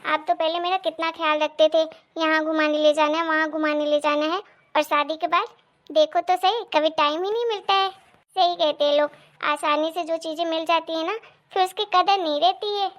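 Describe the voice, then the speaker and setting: Cartoon young wife, cheerful and apologetic, very high girlish voice, a woman acting her. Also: steady tone, normal speed, fairly bright tone. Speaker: daughter-in-law.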